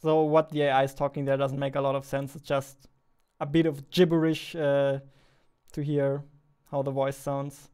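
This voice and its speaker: A man's voice: medium pitch, level tone, moderate pace, darkish tone, smooth. A young man with a German accent, chatting casually in a game development vlog. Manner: chatty, self-deprecating, laughs often.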